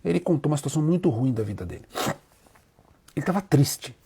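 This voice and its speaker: Brazilian man, spiritual teacher speaking live, moved and earnest, mellow tone. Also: a little high, animated, quick pace, vocal fry, breathy edge. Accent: Brazilian Portuguese. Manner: emotional, openly moved, speaks with feeling. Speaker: Umbanda priest and teacher. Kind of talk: heartfelt live talk to viewers.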